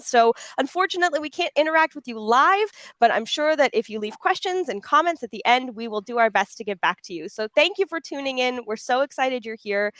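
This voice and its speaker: A woman with a high-pitched, slightly bright voice hosts a pre-recorded panel, introducing guests and addressing them and the audience with chatty, effusive, emphatic delivery. She's also an audio drama voice actor, and the recording has no echo.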